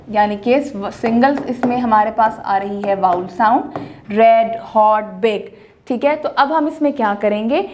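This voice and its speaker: High-voiced woman teaching grammar. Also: a little hiss or hum. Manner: explains step by step, drawing out example words; mixes English terms into Hindi explanation. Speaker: English teacher. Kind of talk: classroom grammar lesson.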